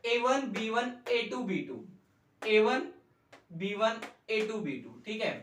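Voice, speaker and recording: Teaching math at a whiteboard, this male economics tutor speaks slowly, goes over each point repeatedly, and keeps questioning his students. He has a high, slightly bright voice with big swings in pitch. The recording sounds distant, with the mic far off in an echoey room.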